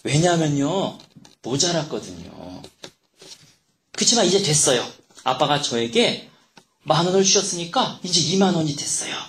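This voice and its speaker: Male pastor, storytelling sermon, animated delivery, roomy hall sound. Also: a little high, moderate pace, pauses often, slight background noise. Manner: acts out dialogue voices while telling a story.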